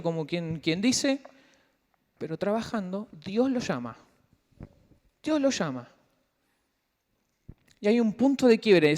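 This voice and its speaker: High-voiced Rioplatense youth teacher in a hall. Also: male voice. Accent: Rioplatense Spanish. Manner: lively storyteller, asks the group questions, retells scenes with voices. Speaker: youth Bible study leader. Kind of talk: casual youth Bible teaching. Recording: long hall reverb.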